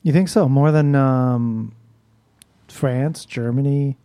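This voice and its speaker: A man in his seventies co-hosts a radio show, his banter casual, hesitant, and rambling, with frequent laughs. He speaks slowly at a medium pitch with a clean tone, and the studio-quality recording has no echo, though loud guitar music plays behind him.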